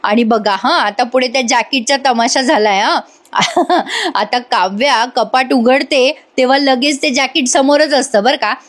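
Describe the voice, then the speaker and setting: A woman's voice: high-pitched, measured pace. A woman with a Marathi accent chattily retelling a TV serial episode in a voice-over recap, acting out the lines and talking straight to viewers. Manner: chatty, retells dialogue with lively character voices; addresses viewers directly, teasing asides.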